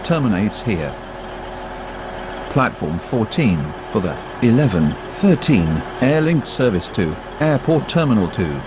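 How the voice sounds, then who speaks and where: A man giving station platform public-address announcements in a game, listing the stops in a measured, even way. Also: mid-range voice, heavy background noise.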